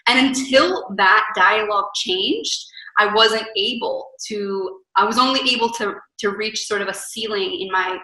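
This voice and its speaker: Young woman wellness coach, earnest and emphatic, bright voice, roomy echoey sound. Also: medium pitch, measured pace. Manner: earnest, emphatic, speaks in lists. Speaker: wellness coach, podcast guest. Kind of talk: casual interview conversation.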